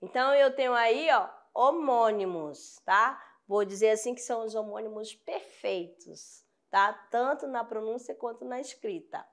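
In an unhurried, slightly high voice, a woman with a Brazilian Portuguese accent leads a grammar lesson. She addresses her students affectionately, repeats examples patiently, and frequently makes sure they follow.

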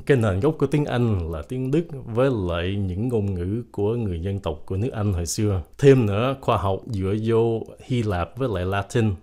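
A man teaching English pronunciation, explaining word stress and slowly modelling each example word. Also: on the low side, warm tone. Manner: slow, careful modelling of example words.

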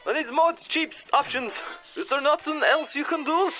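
A woman's voice: high voice, expressive, a little fast, sharp tone, soft background music. A woman voicing a confused male customer with broken English who takes everything literally. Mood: indignant. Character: confused foreign male print-shop customer.

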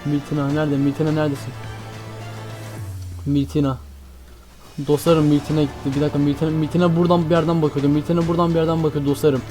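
A man's voice: on the high side, level tone, very fast, mellow, soft background music. A man giving frantic gameplay commentary, repeating himself and talking straight to his viewers as friends. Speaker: Minecraft gameplay streamer.

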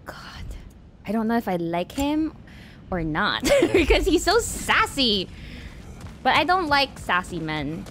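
A Filipina gaming streamer offers chatty, giggly let's-play reaction commentary as she plays a video game, with game music behind her. Her voice is fairly high and fairly bright, with a slow, sing-song delivery and slight background noise.

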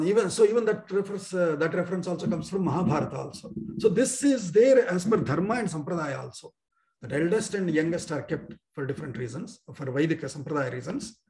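A man's voice: a little high, a little mellow, reverberant. A man teaching an online scripture class, explaining verses line by line with many fillers and chanting them for students to repeat, heard over a video call.

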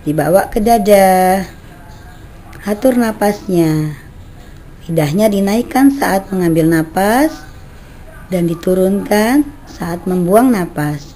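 A woman guiding children through brain gym exercises with slow, patient step-by-step instructions, recorded on a camera mic on an outdoor veranda. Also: medium pitch, lively intonation, mellow.

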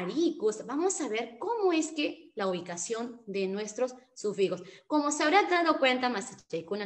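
Lively-voiced woman teaching a language class. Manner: repeats example words slowly, loud and high, then explains softly; asks rhetorical questions and peppers speech with Quechua fillers. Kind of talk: online class lesson.

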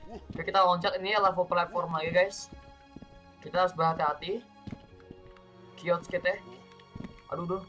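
A young man narrates a let's play. His voice sits high and sounds bright and sharp. He chats constantly to his viewers and breaks into loud, excitable outbursts, with faint game music behind him. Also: normal speed, pauses often. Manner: excitable, bursts into loud exclamations; chatty, keeps addressing viewers as guys. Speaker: gaming YouTuber.

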